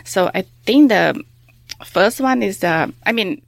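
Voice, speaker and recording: A woman with a Thai accent, a researcher answering interview questions in a halting way, full of fillers and restarts. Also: mid-range voice, expressive, creaky, no echo. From Thailand. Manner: halting, many fillers and restarts, soft-spoken. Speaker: researcher guest.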